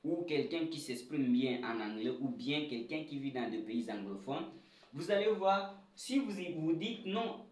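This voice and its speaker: Lively man teaching in an echoey room. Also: mid-range voice, a little slow. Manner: lively, asks the class questions and drills words aloud. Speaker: English teacher. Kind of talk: whiteboard lesson for French speakers. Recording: echoey room, voice a bit far from the mic.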